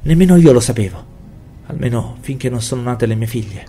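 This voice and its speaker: A man's voice: medium pitch, lively intonation, brisk, mellow, lightly acted. A man voicing an anguished, guilt-ridden father who talks in a desperate, pleading way in a horror audio story.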